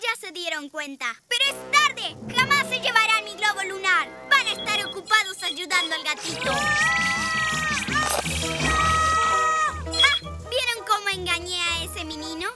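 A woman's voice: very high voice, sing-song, unhurried, pauses often, heavily acted. A woman voicing a sly, gloating young girl villain in a cartoon dub, mocking and gleeful. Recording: loud backing music.

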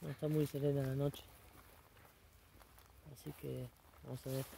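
A man's voice: mid-range voice, little pitch movement, measured pace, creaky. A man with an Argentine accent co-hosting a casual exploration vlog outdoors at night. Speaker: vlog co-host. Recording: noisy outdoor night recording.

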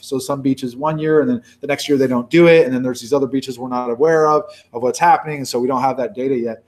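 In casual conversation and Q&A, a sea turtle researcher from Baja California, Mexico, a man in his forties, speaks with a mid-range voice and a darkish tone. His talk rambles, full of restarts and self-corrections.

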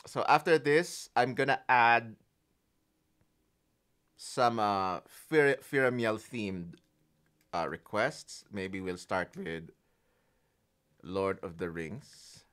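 A man's voice: fairly low pitch, slow, long pauses, a bit bright, smooth. A man streaming live, chatting casually with viewers, thanking them, laughing often and stumbling over his words. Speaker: music streamer.

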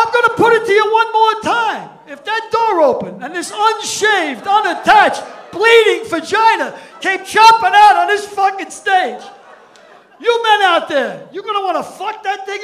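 A man in his sixties doing a crude stand-up routine on a club stage, brash and profane with shouted punchlines. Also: extremely high pitch, expressive, normal speed. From Ireland, raised in New York. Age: 60s. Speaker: stand-up comedian. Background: audience laughter.

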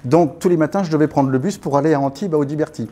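A man in his fifties, born in Congo to French parents and raised in Africa, tells his life story as guest speaker at a networking evening. His voice sits on the high side and is fast and mellow, his delivery casual and anecdotal with many fillers and restarts. A far camera records him in a small meeting room.

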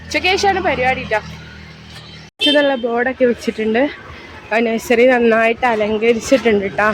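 A young woman chats through her family vlog. Her voice sits high and light. Her manner is homely and easy, and she speaks straight to her viewers, with a faint hum of surroundings behind her. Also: brisk. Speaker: family vlogger and mother. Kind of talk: casual family vlog narration.

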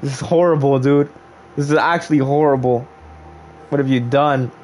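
A man's voice: mid-range voice, fairly even intonation, normal speed, darkish tone, a little hiss or hum. A young man chatting casually on a gaming livestream, greeting viewers and breaking into melodramatic outbursts.

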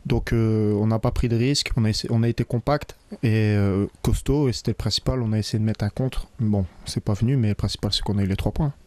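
A man's voice: on the low side, quick pace, hardly any pauses, dry recording. Young man from France talking after a match. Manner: relaxed, many filler sounds, loose phrasing. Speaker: football player. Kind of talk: post-match interview. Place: locker room, indoors. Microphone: interviewer's handheld mic.

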